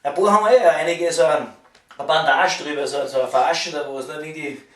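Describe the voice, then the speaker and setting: Man, Viennese accent, high voice, grumbling casual rant, repetitive, coarse, very echoey distant recording. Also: a little fast. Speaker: waiter venting about the job. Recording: echoey room, distant microphone.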